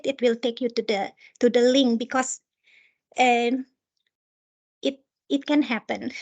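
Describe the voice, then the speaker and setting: A woman with an Indonesian accent giving a training lecture over slides, speaking haltingly as she searches for words. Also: high voice.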